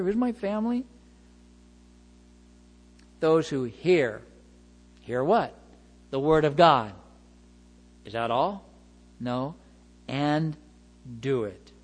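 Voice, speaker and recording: Preaching man in a reverberant hall. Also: on the high side. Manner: expressive preaching, reads scripture aloud. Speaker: pastor. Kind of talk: sermon.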